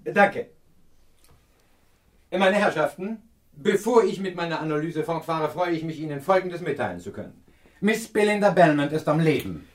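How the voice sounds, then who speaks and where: An actor playing a pompous, self-assured professor and amateur detective in a radio crime drama, lecturing in a pedantic manner. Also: male voice, a little high, lively intonation, normal speed, long pauses, close to an everyday voice. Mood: pleased, triumphant.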